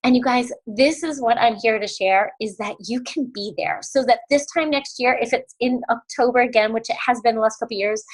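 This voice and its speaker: A woman's voice: fairly high pitch, fairly quick, few pauses, poor audio. A woman in her forties from the United States, a guest speaker on a sales team call, talking in a bubbly, effusive way with many fillers. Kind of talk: casual motivational talk. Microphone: call audio.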